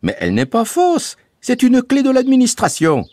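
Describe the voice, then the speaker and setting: A man voicing Bouzig, a cheeky, breezy male canal keeper who talks in loud, coaxing exclamations. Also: very high-pitched, huge pitch swings, moderate pace, dry recording, clean studio sound, pitched above the performer's own voice, exaggerated voice. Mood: eager.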